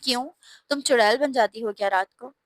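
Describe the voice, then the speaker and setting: A woman's voice: fairly high pitch, brisk, no room sound, close to an everyday voice. A woman reading a storybook aloud and voicing a playful, teasing young husband.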